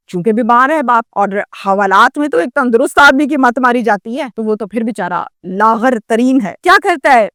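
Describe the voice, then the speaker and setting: A woman tells a story in a dramatic way, often pausing on rhetorical questions. Her voice sits fairly high. The sound is close and dry. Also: a bit bright, no echo. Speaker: commentator. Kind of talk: emotional storytelling commentary.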